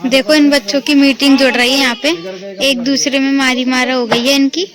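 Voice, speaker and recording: A young Indian woman films a casual family vlog on her phone outdoors in her neighbourhood, chatting and teasing the kids around her. Her high-pitched voice is brisk, a bit bright, and level in tone.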